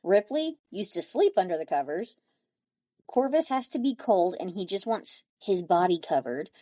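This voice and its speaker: A woman co-hosts a podcast and tells stories in a wry, blunt way. Her voice is mellow and dark, and the sound is dry and close to the mic. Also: mid-range voice, very animated, moderate pace, no echo. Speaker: podcast co-host. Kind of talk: casual chat.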